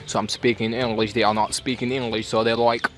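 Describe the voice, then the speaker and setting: A man, a student chatting in a group interview, animated, sometimes acting out other people in a high voice. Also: a little fast. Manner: animated, acts out puzzled locals in a high voice.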